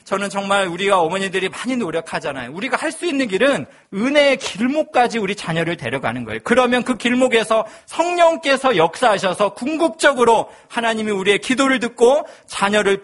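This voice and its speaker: A man's voice: high voice, big pitch swings, fairly quick, hardly any pauses, fairly bright tone. A male pastor in his thirties, preaching a sermon with humorous personal storytelling.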